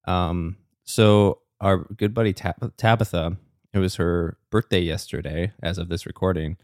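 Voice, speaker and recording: Low-voiced man with a strained voice. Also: unhurried, dry recording, studio quality. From Canada. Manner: relaxed, rambling storyteller. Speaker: podcast co-host. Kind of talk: casual chat.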